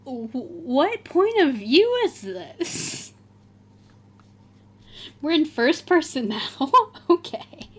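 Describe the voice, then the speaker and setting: A woman's voice: sits high, big pitch swings, drawn-out words, long pauses, a bit bright. A woman reading a fan story aloud for comedy, with theatrical emphasis and frequent laughter. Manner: reads aloud theatrically, often breaking into laughter.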